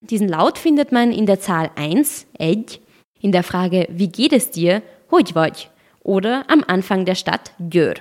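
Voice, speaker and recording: A woman giving scripted documentary narration in a clear, explanatory and lightly playful way. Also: mid-range voice, expressive, moderate pace, darkish tone.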